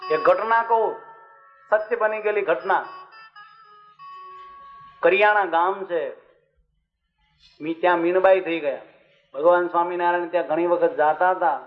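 A man preaching a devotional sermon, telling stories in a lively way and asking his listeners questions. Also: sits high, a little slow, long pauses. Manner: animated storytelling with questions to listeners. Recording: dull recording with faint music.

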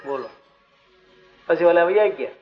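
A high-pitched man delivers a devotional story sermon, speaking animatedly and questioning his listeners. The recording sounds slightly dull, with faint music underneath. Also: expressive, measured pace. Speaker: preacher.

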